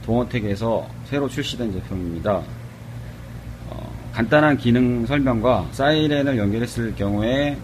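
A man's voice: medium pitch, a little mellow, a little hiss or hum, low-quality recording. A man giving a casual product demonstration of a car alarm remote, talking in a plain explanatory way with many hesitant fillers, recorded on a camera microphone in a car workshop. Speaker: car accessory shop presenter.

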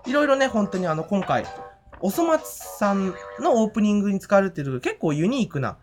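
Giddy, rambling man with lively pitch. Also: brisk, over music. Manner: frequent giggles and fillers. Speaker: fan vlogger. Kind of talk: casual event report vlog. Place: at home after the event.

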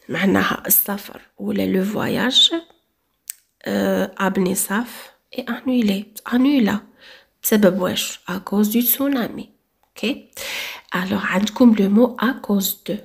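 Woman, husky, French teacher, repeats words slowly. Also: mid-range voice, darkish tone. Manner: drills example sentences, repeats words slowly. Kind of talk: explaining French grammar to learners.

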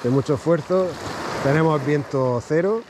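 A man from Spain, chatting casually to camera while fishing on a rocky shore and giving excited running commentary. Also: a little high, normal speed. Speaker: fishing vlogger. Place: rocky seashore outdoors at dawn. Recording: outdoor wind and sea noise. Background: waves and water noise.

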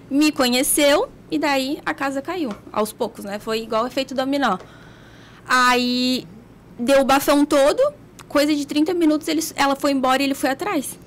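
A woman's voice: sits high, a little hiss or hum. A woman from Brazil, a podcast guest, telling a personal story in a frank, blunt way with laughs between lines. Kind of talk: candid confessional storytelling.

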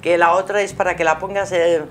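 A woman's voice: lowish voice, fairly even intonation, brisk, slight background noise. A middle-aged woman with an accent from Spain, speaking affectionately as she gives spiritual advice to a caller as host of a live show. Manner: affectionate, addressing the caller with endearments. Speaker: spiritual guide hosting a live call-in show. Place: small TV studio with curtains. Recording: music playing behind the voice.

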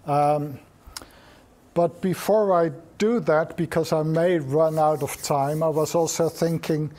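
A middle-aged man lecturing at a seminar, with a voice that sits a little higher than most men's. He thinks aloud as he goes, pausing often and restarting his sentences. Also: a little mellow. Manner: reflective, thinks aloud with frequent restarts and ums. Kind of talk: academic seminar talk.

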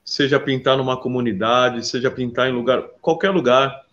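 A man being interviewed as a visual artist, telling stories in a lively, casual way and often calling the listener "brother". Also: mid-range voice, normal speed. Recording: dull lo-fi sound.

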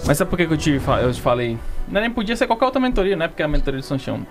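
Male Brazilian podcast host, young, fairly high voice, fast slangy chat, music clearly underneath. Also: big pitch swings. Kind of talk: casual podcast conversation. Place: indoor podcast studio. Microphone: close dynamic mic.

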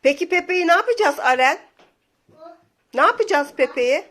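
A young woman, a mother, talking playfully to viewers and her toddler in an animated, coaxing, exclamatory way. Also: very high-pitched, moderate pace, slight background noise. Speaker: mother playing with her child on camera.

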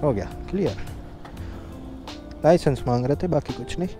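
Riding outdoors on a moving motorbike, a young male vlogger chats casually and drops in English phrases now and then. His voice sits on the high side, animated and at a normal speed. The audio comes from a helmet or bike-mounted action camera as he travels highways and town roads, with background music.

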